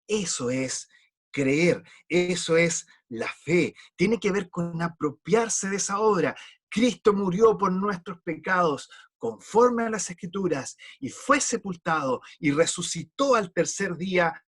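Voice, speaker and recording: A man's voice: sits high, lively intonation, takes it slowly, a bit bright, breathy edge. A man preaching a sermon in an earnest, pleading way, often repeating words as he restarts a thought.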